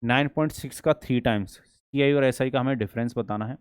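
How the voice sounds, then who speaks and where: A man's voice: medium pitch, clear, resonant tone, no echo, studio quality. Man teaching an exam maths lesson. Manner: drills students with questions, then answers them himself; reads questions slowly and deliberately.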